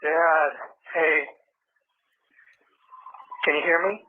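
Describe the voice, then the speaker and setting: A man's voice: a little high, steady tone, drawn-out words. A man speaking to his parents over a jail phone, hesitant and stumbling with fillers. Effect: heard over a jail phone line. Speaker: inmate calling family. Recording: tinny jail phone line with faint hiss.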